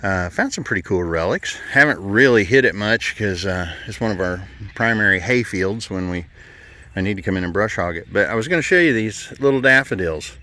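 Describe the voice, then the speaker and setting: A man's voice: fairly low pitch, expressive, a little fast, bright, forceful tone. A middle-aged man, chatting casually while walking through woods and fields for his vlog, folksy and easygoing. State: out of breath at times. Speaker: vlogger. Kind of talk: casual hiking vlog narration.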